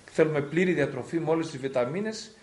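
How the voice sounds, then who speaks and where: A man's voice: on the high side, darkish tone. A man, a priest, earnestly recalling an elder in a documentary interview. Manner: earnest, reflective storytelling. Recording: roomy echo.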